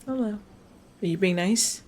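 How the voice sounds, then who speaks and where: A woman's voice: mid-range voice, measured pace, darkish tone, a little hiss or hum. A young woman streamer chatting casually and reacting to a video game, giggly and emotional. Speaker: gaming streamer. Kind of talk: casual let's-play commentary.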